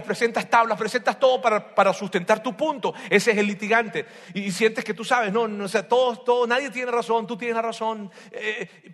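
A man preaching a sermon on family life. He talks in an animated way, repeats his phrases, and swings from loud bursts to soft asides. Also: high-pitched. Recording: long hall reverb.

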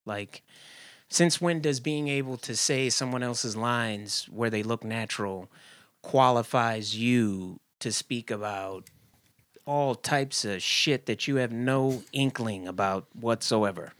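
A man, an actor, telling stories as a guest in casual podcast chat, with big jumps in pitch when he laughs or reacts. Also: slow, a bit bright, dry recording, studio quality.

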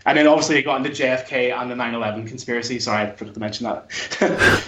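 Fast and a bit bright, the mid-range voice comes from a man in his thirties from Belfast, Northern Ireland. He rambles casually as a podcast interview guest, and the dull, lo-fi recording has plenty of room echo.

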